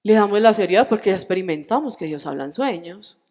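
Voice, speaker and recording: A Colombian woman in her forties tells a personal faith story, animated and full of acted-out dialogue. Her voice sits at a medium pitch for a woman. A long reverb from a large hall trails after her words. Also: quick pace. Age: 40s. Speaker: testimony speaker at a church retreat.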